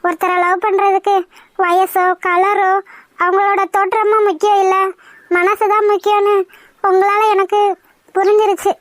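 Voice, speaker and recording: A woman's voice: extremely high pitch, level tone, moderate pace, long pauses, no room sound, clean studio sound. A woman voicing a remorseful young village woman in a cartoon, speaking in sobbing, self-blaming pleas. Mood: regretful. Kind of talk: cartoon voice acting.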